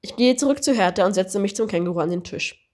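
A woman doing an amateur audiobook reading in a plain, even manner. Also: mid-range voice, fast talker. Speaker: audiobook reader.

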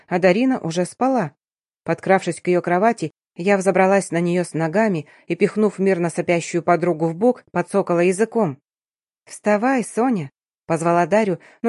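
A woman's voice: on the low side, a little mellow, no echo, clean studio sound. Woman reading a first-person story. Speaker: audiobook narrator. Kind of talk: first-person audiobook narration.

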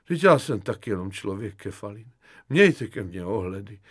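A man's voice: big pitch swings, fairly bright tone, breathy edge, no echo, clean studio sound, exaggerated voice. A man voicing a weary, nervous army lieutenant who pleads and frets. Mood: plaintive. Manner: whining, pleading, flaring into shrill panic.

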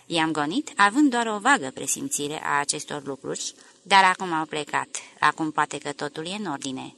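A woman reading the lines of a reserved grown man in an audiobook, measured and reproachful. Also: deep voice, lively intonation, creaky, sharp tone, a little hiss or hum, heavily acted. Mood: calm.

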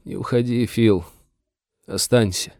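A man takes on the role of a frightened, aging rancher, pleading plaintively and agitatedly, tearful and whining, in a fearful mood. His medium-pitched, slightly mellow voice, at a moderate pace, sits above his own pitch while staying close to everyday speech, captured in studio quality with no room sound.

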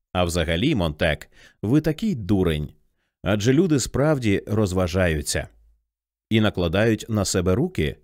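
A man's voice: on the low side, darkish tone, no room sound, studio quality. A man voicing a tired, bitter old male scholar who lectures ruefully in an audiobook.

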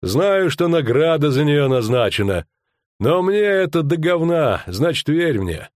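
Man voicing a mocking mercenary, coarse rural talk, raised pitch, dry close sound. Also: sing-song, a little slow, a little mellow, no echo. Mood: scornful. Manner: mocking, coarse folksy speech.

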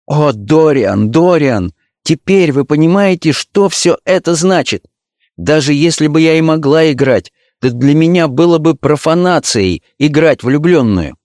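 A man's voice: fairly high pitch, expressive, unhurried, a little mellow, dry recording, studio quality, voice pushed up. A man reading an audiobook, voicing an ardent, dreamy young actress in love, with impassioned, lyrical delivery. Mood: pleading.

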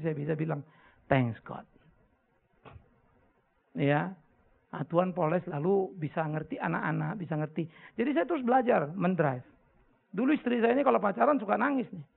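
A middle-aged pastor, his voice pitched high and rough with a gravelly edge. He preaches in a blunt, joking storytelling way, loud one moment and hushed the next. The sound is tinny and narrow, like a phone line. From North Sumatra, Indonesia. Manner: blunt, joking storyteller, swings between loud outbursts and quiet confession. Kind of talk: sermon with audience Q&A. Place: church hall before a congregation.

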